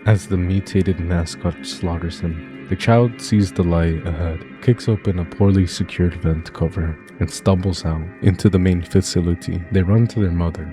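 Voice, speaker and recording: Deep flat-voiced man narrating horror. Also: moderate pace, few pauses. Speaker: YouTube narrator. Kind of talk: scripted horror story narration. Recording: music playing behind.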